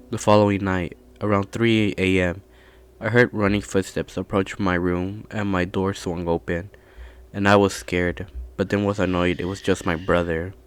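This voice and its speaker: Low flat-voiced male horror narrator.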